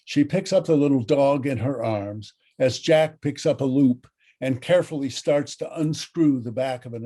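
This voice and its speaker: A man reads out the stage directions of a script in a dry, matter-of-fact voice. His voice is mellow and warm, in a middle pitch. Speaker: narrator.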